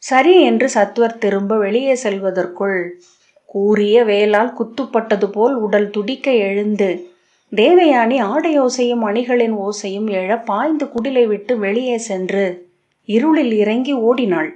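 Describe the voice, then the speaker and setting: A woman narrating an audiobook, reading a novel aloud in a steady, literary storytelling manner, on a dull lo-fi recording. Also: fairly high pitch, measured pace.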